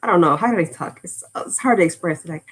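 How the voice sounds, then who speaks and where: An American woman who runs a language-learning YouTube channel chats casually on a livestream, rambling, drifting off topic, and using lots of fillers. Her voice is fairly low, a little fast, and husky.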